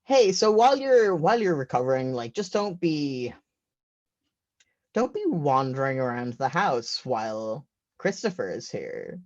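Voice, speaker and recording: A man's voice: mid-range voice, very animated, a little slow. A man voicing his evasive mother, who brushes off questions dismissively, on a slightly dull recording. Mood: cautioning. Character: evasive middle-aged mother hiding family secrets.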